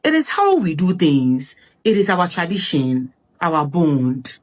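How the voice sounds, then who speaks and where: A woman voicing a calm, persuasive husband. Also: sits low, slow, full character voice. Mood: calm insistent. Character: calm, insistent man, a polygamous husband.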